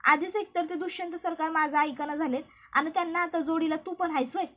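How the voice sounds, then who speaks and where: A woman's voice: high voice, normal speed, natural voice. A woman voicing a stubborn village woman who scolds bluntly in a rural dialect. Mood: scolding. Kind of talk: recap narration with read-out dialogue.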